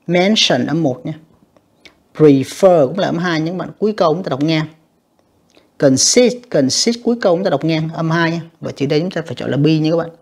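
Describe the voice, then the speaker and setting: A teacher, patiently explaining an English exam step by step and saying the English words slowly and carefully. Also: mid-range voice, gravelly, darkish tone, husky. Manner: patient, repetitive explaining with frequent tag particles. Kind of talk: exam review lesson.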